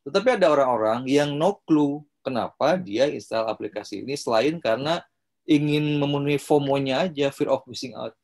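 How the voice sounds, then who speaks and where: A man speaking as a guest in a casual podcast chat, explaining his views in a measured way. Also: medium pitch, a little mellow.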